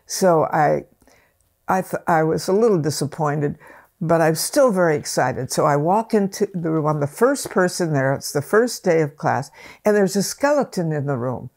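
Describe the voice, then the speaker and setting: A woman's voice: sits low, animated, normal speed, a little mellow. An elderly woman and dance teacher, reflectively telling stories in a sit-down interview at home and often restarting her sentences. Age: older. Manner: reflective storytelling with frequent restarts. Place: wood-panelled room at home, indoors. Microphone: close interview camera framing.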